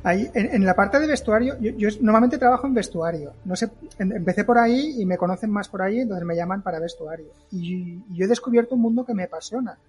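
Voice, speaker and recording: A man talking casually as an interview guest, explaining haltingly and repeating words. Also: sits high, darkish tone, breathy edge. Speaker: podcast guest, film costume maker.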